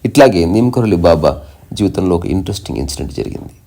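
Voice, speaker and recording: Deep gravelly man giving a spiritual discourse. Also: expressive, dark tone. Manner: chants Sanskrit verses slowly, then explains them plainly. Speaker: spiritual teacher.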